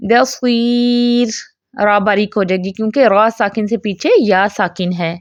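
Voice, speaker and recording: A woman teaching a recitation lesson who explains step by step, checks understanding often, and slowly chants the example words. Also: mid-range voice, steady tone, no echo, dull audio. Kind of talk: tajweed lesson in Urdu.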